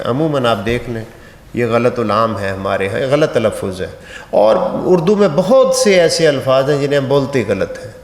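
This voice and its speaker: A man from Pakistan with a Pakistani accent, giving a religious training lecture on pilgrimage rites, instructive and mixed with light humorous stories. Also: medium pitch. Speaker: Hajj trainer. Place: large mosque hall. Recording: echoey reverberant mosque hall.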